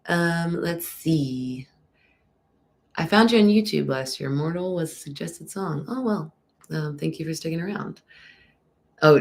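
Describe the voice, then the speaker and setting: Young woman, low gravelly voice, congested, slight lisp, rambling casual Q&A chat. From Texas. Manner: chatty, rambling, many ums. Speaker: band singer answering fan questions.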